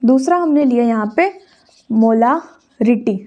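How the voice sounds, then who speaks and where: A young woman teaching a chemistry lesson, repeating key terms slowly as she writes them out. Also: on the high side, lively intonation, dark tone, muffled recording. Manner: slow, repeats key terms while writing. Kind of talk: classroom lecture, Hindi-English mix.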